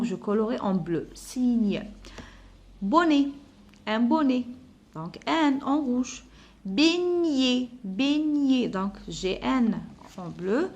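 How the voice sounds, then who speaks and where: A woman teaches young pupils at a slow, careful pace, in a voice pitched a little high. She says each word several times and spells out its letters and sounds. Now and then she drops in an Arabic word to explain the meaning. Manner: spells out letters and sounds, repeats words slowly; mixes in Arabic words to explain vocabulary. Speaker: primary school teacher. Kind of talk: slow classroom lesson explanation.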